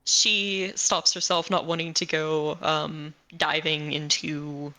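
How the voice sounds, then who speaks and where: A woman playing a tabletop game, casually describing her moves in halting, trailing phrases. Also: low-pitched, flat delivery, sharp tone. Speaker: player.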